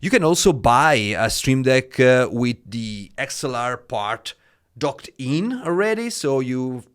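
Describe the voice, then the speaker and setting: A man with an Italian accent gives a relaxed product review at a mid-range pitch. He talks in a chatty way, sprinkling in "uh" and "like" as he goes. His voice comes through a close dynamic studio mic. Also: takes it slowly, smooth. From Italy. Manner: chatty, many fillers like "uh" and "like". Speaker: tech reviewer. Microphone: dynamic studio mic through an audio dock.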